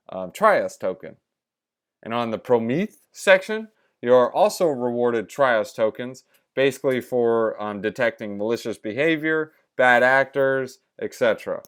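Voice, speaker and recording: A man's voice: mid-range voice, smooth. A young man hosting a crypto review vlog like a crypto bro, talking informally with slangy asides and hype. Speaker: crypto channel host.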